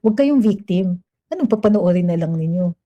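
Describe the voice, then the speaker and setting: A woman's voice: fairly low pitch, animated, fairly quick, mellow, muffled recording. A woman giving chatty, emphatic livestream commentary as she reads out viewer comments, mixing Tagalog and English.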